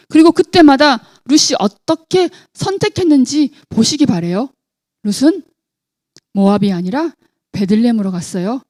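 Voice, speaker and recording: Woman children's pastor, storytelling sermon, higher voice with lively swings, dry close sound. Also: no room sound. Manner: animated, asks children questions.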